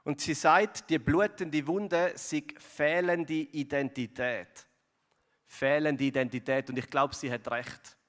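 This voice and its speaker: A man's voice: fairly high pitch, fairly even intonation, slow, fairly bright tone. A man with a Swiss German accent giving a conversational sermon as pastor, full of fillers and tag questions like "gell" and "oder". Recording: long hall reverb.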